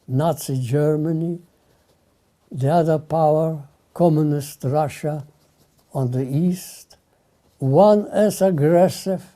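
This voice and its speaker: An older man from Lithuania, giving solemn spoken testimony in short, halting phrases. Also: on the high side, mellow.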